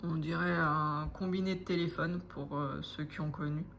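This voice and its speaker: A woman in her forties chatting casually to camera as a craft vlogger, hesitant, with frequent pauses and fillers. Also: sits low, fairly even intonation, vocal fry, a bit bright, slight background noise.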